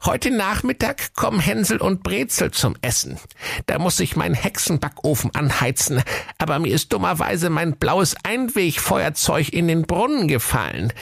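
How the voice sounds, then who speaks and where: A man's voice: a little high, very animated, moderate pace, creaky, fairly bright tone, no room sound, studio quality, voice pushed up, full character voice. A man voicing a screechy, scolding three-hundred-year-old witch. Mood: cranky, scheming. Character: cackling shrill 300-year-old witch woman.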